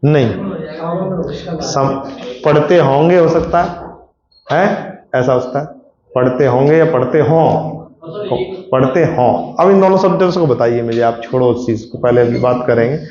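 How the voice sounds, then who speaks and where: Hindi teacher lecturing in an echoey classroom. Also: male voice, medium pitch, moderate pace, long pauses, darkish tone. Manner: explains patiently, asks students frequent questions. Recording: echoey classroom, dull lo-fi sound.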